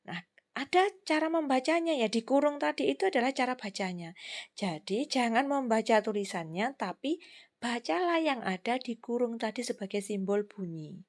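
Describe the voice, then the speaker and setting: A woman's voice: on the high side, animated, normal speed. A woman giving a recorded lecture, explaining patiently with examples and fillers.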